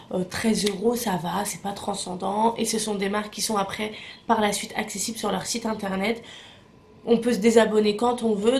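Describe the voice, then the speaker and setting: A woman's voice: medium pitch, a little mellow, a little hiss or hum. A young woman from Morocco chatting casually through a beauty product review, full of fillers and repeated words. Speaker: beauty vlogger.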